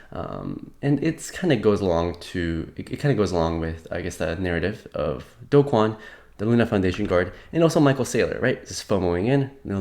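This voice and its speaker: A young man with a deep, darkish voice gives a casual crypto market update while slightly sick. He rambles, filling his talk with fillers and restarts.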